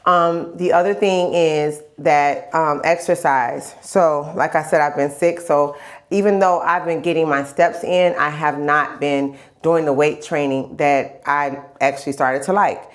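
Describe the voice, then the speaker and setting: A woman records a casual, candid video diary about her health journey, rambling and repeating phrases for emphasis while stuffy from a lingering cold. She keeps a low voice, fairly even intonation and a measured pace.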